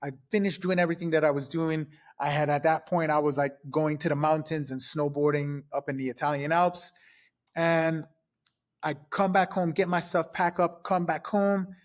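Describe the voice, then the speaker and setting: A man in his fifties from Trinidad, a podcast guest telling his past in a casual, lively way, step by step. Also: on the high side, moderate pace. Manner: lively, recounts events step by step. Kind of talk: casual storytelling.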